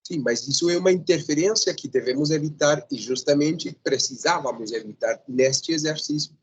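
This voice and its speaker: A man teaching a Portuguese class, correcting students' mistakes slowly and deliberately and checking in with a frequent "sim?". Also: a little high, slightly rough, highs cut off. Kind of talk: classroom lecture.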